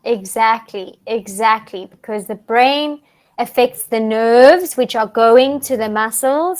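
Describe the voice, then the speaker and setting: A young woman from South Africa, an online English tutor, chatting casually on a video call and explaining things with frequent restarts. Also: fairly high pitch. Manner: friendly, explains slowly with frequent restarts and fillers. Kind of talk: casual online conversation lesson.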